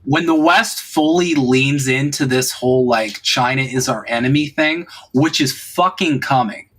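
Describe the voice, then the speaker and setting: A man with a husky, slightly breathy voice talks politics on a podcast. He speaks casually, swears freely and leans hard on his points. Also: mid-range voice, measured pace, fairly bright tone. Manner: profane, emphatic, opinionated. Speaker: podcast host.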